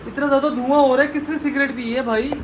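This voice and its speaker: A young man, loudly accusing and scolding during a prank at home. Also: very high voice, fairly even intonation, fast talker, background noise. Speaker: vlogger, husband in a prank. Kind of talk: prank vlog confrontation. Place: home bedroom, indoors.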